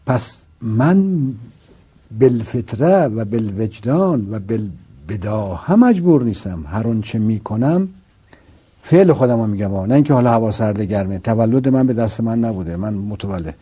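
A man lecturing on philosophy in a very dark, husky voice. His pitch moves a great deal as he poses rhetorical questions and answers them himself. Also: lively intonation. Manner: argues with rhetorical questions and repetition. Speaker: religious philosophy teacher. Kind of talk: didactic philosophical explanation.

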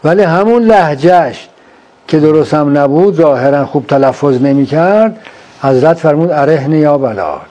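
Male interviewer with a fairly high, warm voice who leads with short probing questions. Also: expressive. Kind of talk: philosophical conversation.

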